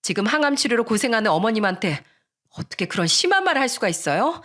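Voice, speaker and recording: A woman voicing a determined young woman in a radio story, speaking firmly and calmly as she defies her mother. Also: on the high side. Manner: firm, calm, deliberate.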